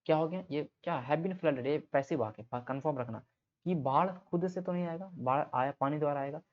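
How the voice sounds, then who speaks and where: A man's voice: on the high side, fairly quick. A man teaching an exam-prep grammar lesson, explaining step by step and asking and answering his own questions. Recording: slightly muffled lo-fi audio.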